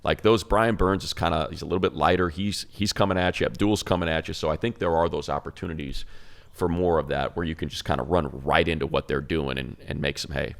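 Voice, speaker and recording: Speaking fast in an extremely low, steady voice with vocal fry, this male sports host and analyst delivers laid-back podcast commentary. He leans on repetition for emphasis and keeps it conversational.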